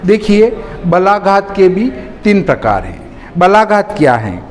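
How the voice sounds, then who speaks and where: Male teacher, high-pitched, very slow and deliberate, repeats key terms; recorded in an echoey hall. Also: sing-song. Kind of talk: slow classroom grammar lesson. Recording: hall reverb with faint noise.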